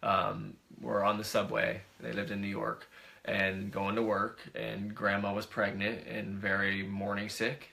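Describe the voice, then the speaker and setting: Gravelly-voiced man telling a family story. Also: lowish voice, slight background noise. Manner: relaxed, laughing storyteller. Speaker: co-host. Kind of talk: casual storytelling chat.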